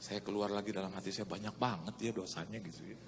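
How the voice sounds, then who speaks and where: A man's voice: on the low side, steady tone, fast talker, slight background noise. A male pastor preaching a sermon, telling a story and acting out both sides of a conversation. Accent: Indonesian. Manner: storytelling, quoting dialogue in changing tones. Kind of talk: sermon with acted-out anecdote. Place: large church hall. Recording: long hall reverb, faint ambience.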